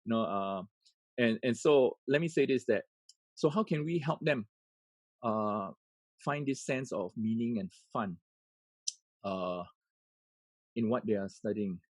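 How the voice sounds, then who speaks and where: A man's voice: lowish voice, animated, unhurried, pauses often, no room sound, poor audio. A man, an education coach giving an earnest webinar talk. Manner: earnest, with many fillers and restarts.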